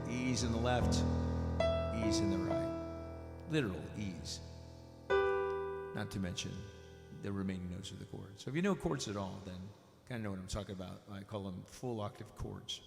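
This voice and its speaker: A man teaching piano and singing in a relaxed, casual way, his voice drenched in added hall reverb. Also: lowish voice, creaky. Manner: relaxed, demonstrates while explaining. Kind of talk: casual spoken lesson at the piano. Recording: big echoey hall reverb with loud piano.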